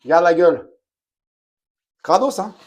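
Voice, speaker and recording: A man's voice: sits high, lively intonation, a little slow. A man talking casually and bluntly to the viewer while demonstrating a repair in his home bathroom. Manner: blunt, slangy, chatty, addresses viewer directly. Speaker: DIY home repair vlogger.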